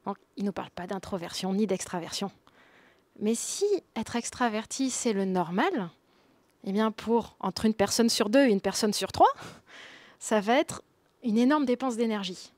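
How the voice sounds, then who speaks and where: A woman's voice: mid-range voice, moderate pace, a little mellow, no room sound. A woman in her thirties giving a conference talk, conversational, with quips and laughs for the audience. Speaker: conference speaker.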